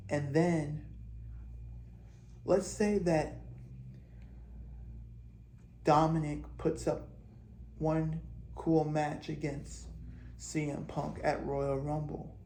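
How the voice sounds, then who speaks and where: A man with a somewhat high voice lays out wrestling storylines at an unhurried pace. He rambles and restarts his sentences as he speculates. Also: little pitch movement, warm tone. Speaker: host. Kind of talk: wrestling fantasy-booking commentary.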